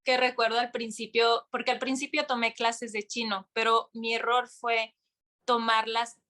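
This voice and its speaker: A young adult woman, a podcast guest telling a story in a casual, animated way, acting out the quotes. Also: on the high side, a little slow. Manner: animated, full of restarts and acted-out quotes.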